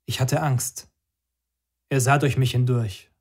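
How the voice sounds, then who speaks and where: A man reading a scripted first-person narration in a calm, measured, somber way. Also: medium pitch, slightly rough.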